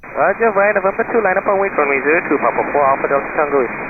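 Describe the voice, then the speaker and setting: A man's voice: on the high side, lively intonation, rapid-fire. A man speaking as an airline pilot over the aviation radio, giving clipped procedural readbacks. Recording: tinny radio transmission with faint hiss.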